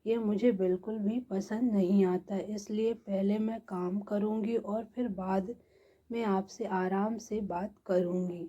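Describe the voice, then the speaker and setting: A woman's voice: medium pitch, steady tone, takes it slowly, warm tone, husky. A woman voicing a sly young daughter-in-law who brushes off questions, in a dull lo-fi recording. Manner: dismissive, deflecting.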